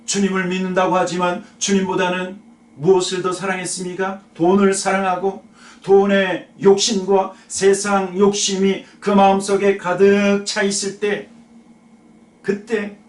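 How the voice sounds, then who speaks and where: A man preaching a sermon as pastor, slowing to read scripture and putting questions to the congregation. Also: high-pitched. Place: church sanctuary. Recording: echoey church hall, mic at a distance.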